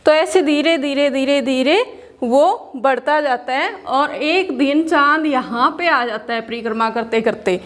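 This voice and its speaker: Lady teacher, highish voice, explains slow and patient, drops english words in. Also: a bit bright. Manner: explains patiently, asks questions and answers them herself; mixes English words into Hindi. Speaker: school teacher. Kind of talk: classroom lesson.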